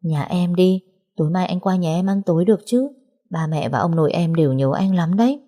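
A woman voicing a coy, scheming young woman in a story, speaking in a soft, cooing, sugary way. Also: fairly low pitch, a little fast, lightly acted. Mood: sweetly menacing. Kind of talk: audiobook character reading.

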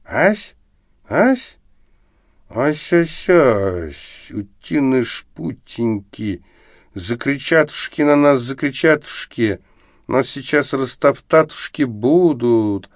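A man's voice: mid-range voice, expressive, takes it slowly, no room sound, studio quality, voice pushed up. A man voicing a drunk, bitter middle-aged academic who rants and slurs, slipping into lisping baby talk. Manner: slurred, ranting drunk outbursts, lapses into lisping baby talk.

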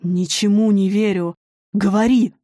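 A woman's voice: medium pitch, expressive, unhurried, a little mellow, dry recording, studio quality. A woman voicing a cruel, wolf-like male forest spirit who growls his demands in a storybook reading. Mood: menacing.

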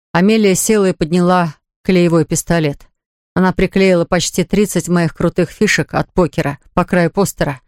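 A man's voice: high voice, a little mellow, clean tone, no echo, studio quality. A man narrating an audiobook in the first person, reading evenly and voicing dialogue plainly. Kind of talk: scripted narration.

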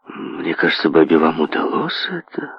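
A man doing a low, placating old tycoon. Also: sing-song, normal speed, gravelly, dry recording, full character voice. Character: older rich tycoon father, indulgent, evasive. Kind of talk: audiobook character voice. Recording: dull lo-fi audio.

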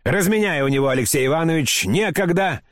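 A man's voice: on the high side, expressive, fairly quick, dry recording, studio quality, pitched above the performer's own voice, natural voice. A man voicing an impatient, bossy old countess grandmother in an audiobook, barking commands at everyone. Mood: imperious.

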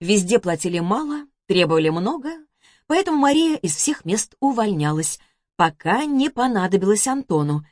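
Женщина размеренно и выразительно читает аудиокнигу. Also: female voice, medium pitch, very animated, moderate pace, a little mellow, no echo, clean studio sound. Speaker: audiobook narrator. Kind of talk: scripted narration.

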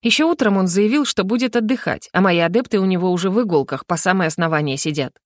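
A woman narrating a first-person fantasy audiobook in an even, expressive reading. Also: medium pitch, quick pace, dry recording, studio quality.

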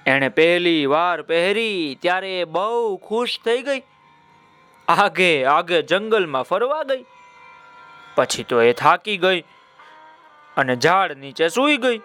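Man telling kids' story, sing-songy and playful, high voice, soft music under. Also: big pitch swings, takes it slowly, pauses often, smooth. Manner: playful, sing-song, addressing children. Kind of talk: children's storytelling.

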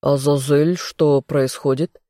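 A reader voicing a stern older king and father who speaks slowly and gravely, in an audiobook. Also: medium pitch, flat delivery, mellow, no echo, studio quality, natural voice. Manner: slow, grave, commanding. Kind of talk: audiobook character voice.

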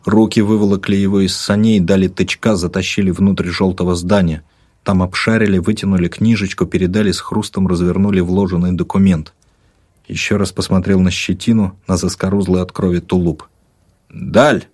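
A man reads a dark tale aloud in a measured, vivid way, lingering on rhythmic lists. His voice sits low and carries a husky grain. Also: little pitch movement. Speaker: narrator. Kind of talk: dramatic audiobook narration.

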